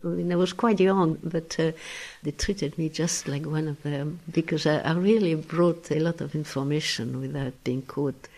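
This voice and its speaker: A woman in her eighties from France, speaking in a documentary interview, lively as she looks back. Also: sits low, moderate pace. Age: 80s.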